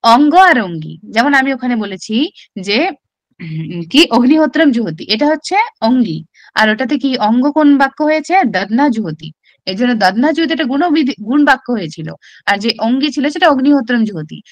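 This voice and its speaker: A woman's voice: on the high side, sing-song, fairly quick, no room sound. A woman teacher with a Bengali accent explains a classical text step by step in an online exam-prep class, often asking rhetorical questions.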